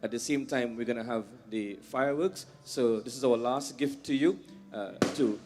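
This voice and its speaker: Man, emcee, mid pitch, casual announcements full of filler "uh"s, faint music behind. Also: normal speed. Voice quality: loose delivery with frequent "uh" fillers. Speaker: master of ceremonies.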